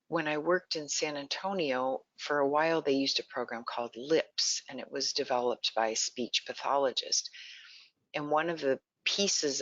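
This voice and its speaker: Bright-voiced woman explaining letter sounds. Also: rumbling low, no room sound. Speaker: early literacy educator. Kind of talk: webinar presentation. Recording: dull, slightly lo-fi audio.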